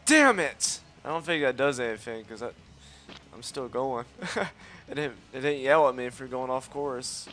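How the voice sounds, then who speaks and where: A man's voice: mid-range voice, moderate pace. A man giving live gameplay commentary, boasting, swearing often and yelping when things go wrong. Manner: excitable, swears often, yelps at mishaps; cocky trash talk. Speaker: let's play host.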